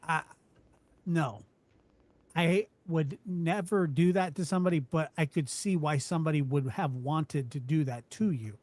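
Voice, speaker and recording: A man's voice: fairly high pitch, unhurried, a little mellow, dry recording. A man co-hosting a casual call-in show, teasing his partner in a mock-serious way. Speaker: podcast co-host.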